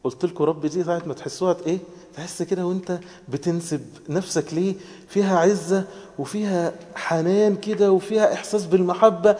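A man with an Egyptian Arabic accent preaching a sermon to young people. He swings between loud emphasis and hushed, tender phrases, and chants quoted prayers slowly. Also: high voice, fairly even intonation, in a large hall.

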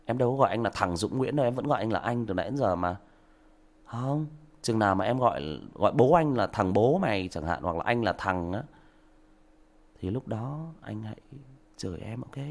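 A man's voice: medium pitch, creaky. A man, hosting a livestream and lecturing a rude commenter with mock politeness and emphatic rhetorical questions. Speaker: audiobook livestream host.

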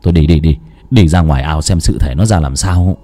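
A man voicing a stern older village man who speaks gruffly and gives orders. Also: very deep voice, fairly quick, warm tone, dry recording, faint music behind, pitched below the performer's own voice. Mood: urgent. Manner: gruff, commanding.

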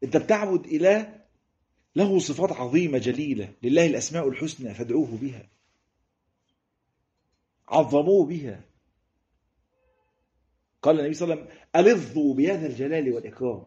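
A man's voice: a little high, lively intonation, fast, pauses often, warm tone. A man with an Egyptian Arabic accent preaching a sermon fervently, building into emphatic repetitions. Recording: roomy, dull lo-fi sound.

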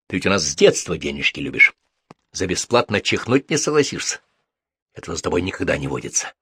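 A man's voice: sits low, very animated, fast, husky, no room sound, heavily acted. A man voicing a hot-tempered older brother who speaks with bitter, scornful anger. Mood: angry bitter. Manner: angry, shouting, scornful.

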